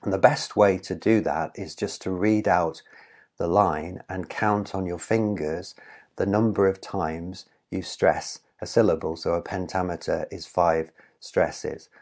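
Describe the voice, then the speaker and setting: A man's voice: sits low, unhurried. A man, a literature professor, giving a recorded introductory lecture, explaining patiently and asking the viewer rhetorical questions with the odd "um". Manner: relaxed with occasional "um" fillers.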